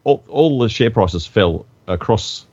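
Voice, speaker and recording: A man co-hosting a podcast, talking in a measured, hesitant way with many pauses. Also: on the low side, expressive, a little mellow, dull audio. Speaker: podcast co-host. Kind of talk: casual chat.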